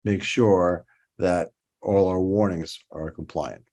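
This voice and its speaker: Lowish-voiced man with a New York accent. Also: fairly even intonation, slow, a little mellow. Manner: rambling, many restarts and fillers. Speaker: toy designer guest. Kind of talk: casual podcast interview.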